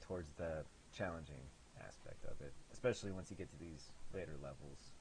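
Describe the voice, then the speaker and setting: A man's voice: rumbling low, brisk, noisy background. A man from the American Midwest with a nasal voice, giving sarcastic, profane, self-deprecating commentary on a game he made. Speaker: game developer. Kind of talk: gameplay commentary.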